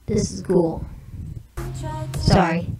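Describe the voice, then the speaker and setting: A woman in a casual reaction video, chatty and quick to exclaim, her voice run through a robot voice changer. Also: fairly low pitch, steady tone, vocal fry. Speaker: video creator reacting to an animation. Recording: echoey room, distant mic, music behind.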